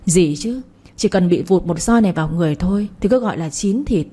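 A woman's voice: on the low side, lively intonation, a little fast, warm tone, husky. A woman narrating a novel in an audiobook reading. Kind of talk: storybook narration.

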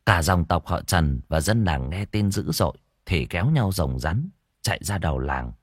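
A man's voice: low voice, very animated, normal speed, slightly rough, dry recording, clean studio sound. A man narrating a ghost story in a dramatic storytelling manner.

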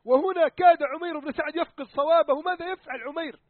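A man preaching a sermon in dramatic storytelling style, emphatic and swinging between loud urgency and hushed tones. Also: extremely high pitch, quick pace, no room sound. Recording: tinny phone-like dry recording.

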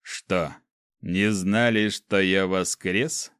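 A man playing a cold, scornful ancient dark mage who speaks slowly and mockingly in an audiobook. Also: low voice, steady tone, clean tone, no echo, studio quality, heavily acted. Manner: slow, mocking, detached. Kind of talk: audiobook character voice.

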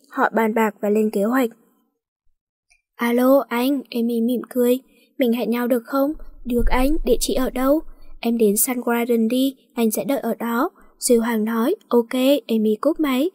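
Soft breathy woman reading a story. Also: on the high side, steady tone, normal speed. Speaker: audiobook narrator. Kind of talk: reading a romance story aloud, voicing all parts.

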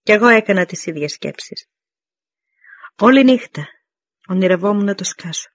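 Dienekes, a stern Spartan veteran, read by a husky man. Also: high-pitched, expressive, no echo, dull audio. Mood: commanding. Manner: commanding, forceful speeches.

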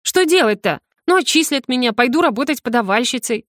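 A woman voicing a flustered, defiant young female student in an audiobook, speaking high and exclaiming. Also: animated, a little fast, fairly bright tone, no echo, clean studio sound. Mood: indignant. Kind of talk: audiobook character voice.

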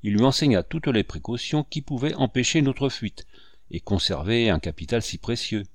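A man narrating a classic novel in a lively, theatrical audiobook reading. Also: mid-range voice, moderate pace, dry recording, studio quality. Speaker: audiobook reader. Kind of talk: expressive literary narration.

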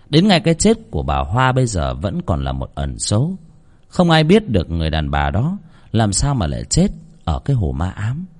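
A man narrating a scripted horror story in a dramatic, expressive way. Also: lowish voice.

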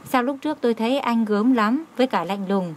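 A woman narrating a first-person romance story in a steady, even storytelling manner. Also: a little high, fairly quick.

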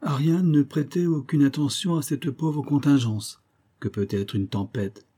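A man narrating a novel as an audiobook, in a measured literary storytelling manner. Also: medium pitch, dark tone, husky.

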